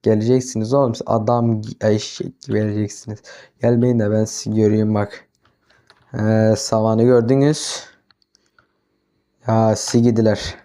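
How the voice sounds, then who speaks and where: A man's voice: lowish voice, level tone, normal speed, pauses often, clear, resonant tone. Exasperated young man narrating his gameplay. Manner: talks to himself, flares into exasperated yelling at the animals. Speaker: gaming YouTuber. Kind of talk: casual Minecraft let's-play commentary.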